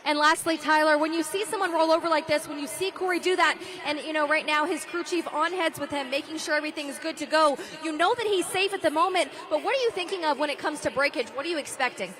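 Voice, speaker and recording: A woman's voice: high-pitched, quick pace, hardly any pauses, a bit bright. A woman reporting live from trackside, doing a sports interview at a stadium event.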